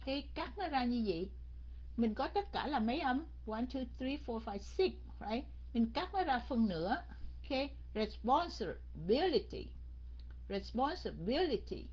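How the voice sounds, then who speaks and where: A woman teaching English pronunciation, drilling words slowly syllable by syllable. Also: high-pitched, animated, a little mellow. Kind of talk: pronunciation lesson. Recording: dull lo-fi recording.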